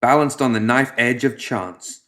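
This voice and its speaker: This audiobook narrator, a man at medium pitch, tells a scripted story in a measured and dramatic manner, with phrase endings that fade gently.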